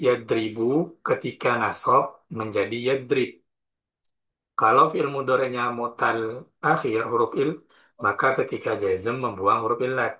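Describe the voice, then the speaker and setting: Bright-voiced Indonesian grammar teacher. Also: male voice, medium pitch. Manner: slow, deliberate, spells out forms and examples. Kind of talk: classroom lesson explaining grammar.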